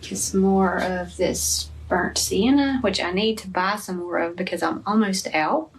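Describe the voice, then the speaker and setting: A woman's voice: medium pitch, a little slow. A woman teaching a live painting lesson, chatting and thinking aloud as she paints. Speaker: art teacher. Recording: from a distance, faint room noise.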